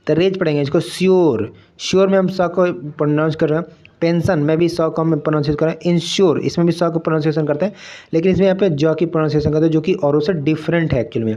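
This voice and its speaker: A man's voice: on the high side, fairly even intonation, fast talker, mellow. A man teaching an online exam prep lesson, explaining step by step and often checking that students follow. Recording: muffled lo-fi recording.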